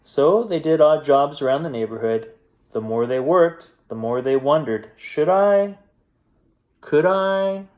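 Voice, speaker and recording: A man reads a children's picture book aloud like an expressive, unhurried bedtime storyteller, leaning on deliberate dramatic pauses. His voice sits in the mid range.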